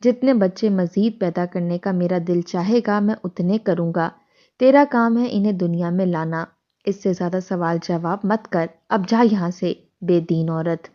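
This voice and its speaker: A woman voicing a short-tempered, domineering middle-aged husband who scolds his wife roughly, in a dull lo-fi recording. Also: lowish voice, lightly acted. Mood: angry.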